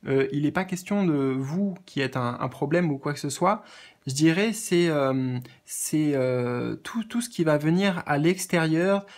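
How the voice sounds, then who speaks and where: A man with a slightly high voice gives a spiritual card reading to his viewers. He speaks gently and hesitantly, filling his pauses and repeating words as he searches for them. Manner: gentle, addresses viewers as friends. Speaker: tarot card reader.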